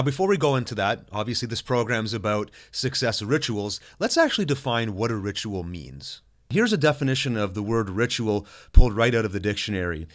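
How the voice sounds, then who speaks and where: Earnest motivational male coach. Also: mid-range voice. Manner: earnest, motivational, direct address to listener. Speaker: self-improvement coach. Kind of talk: coaching program talk.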